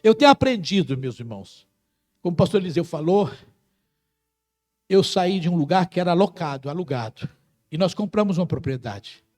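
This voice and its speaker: A middle-aged Brazilian pastor preaching a sermon with passion, rising to loud cries and dropping to quiet, close words. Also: male voice, high-pitched, expressive, moderate pace, pauses often, soft background music. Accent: Brazilian Portuguese. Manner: impassioned preaching, swings from loud to soft.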